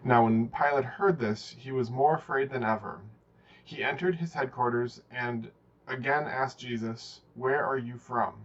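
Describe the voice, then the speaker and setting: A man narrating a church passion reading in a measured, plain way. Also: mid-range voice. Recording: dull lo-fi with faint hiss.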